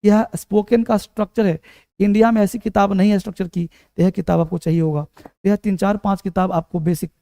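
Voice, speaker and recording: A man's voice: high voice, fairly even intonation, a little fast, creaky, warm tone. A man with a Hindi accent teaching spoken English in a live online lesson, drilling example sentences and often checking that his students follow.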